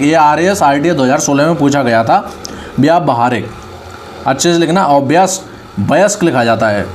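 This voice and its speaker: A man's voice: a little high, a little mellow. Man teaching spelling, repeating words. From India. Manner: repeats each word slowly, correcting spellings. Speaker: online exam-prep Hindi teacher. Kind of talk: spelling lesson.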